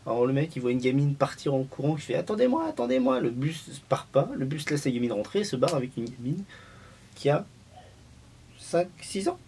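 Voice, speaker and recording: A man's voice: mid-range voice, normal speed, a little mellow, a little hiss or hum. A man vlogging at home in a casual, joking film review, rambling and restarting his sentences often.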